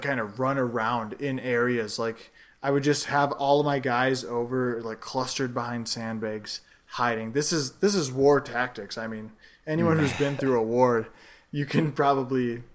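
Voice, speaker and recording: A man's voice: mid-range voice, steady tone, normal speed. A man co-hosting a casual podcast from home, telling rambling, jokey stories about a game. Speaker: podcast co-host. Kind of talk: casual chat.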